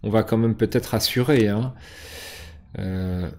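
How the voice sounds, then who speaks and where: A man's voice: on the low side, a little slow, darkish tone. Hesitant man explaining a board game. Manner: hesitant, many fillers and restarts. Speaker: board game channel host. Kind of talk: casual gameplay explanation.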